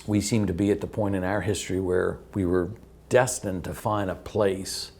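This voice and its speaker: A man in a documentary interview, recalling events in a reflective, measured way. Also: low-pitched, fairly even intonation, a little mellow.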